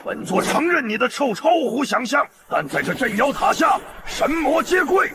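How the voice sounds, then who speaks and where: A man's voice: big pitch swings, moderate pace, vocal fry, very noisy, full character voice. An actor playing an arrogant old male sect master who turns into a demon, speaking in a haughty, theatrical way. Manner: booming, haughty, theatrical shouting.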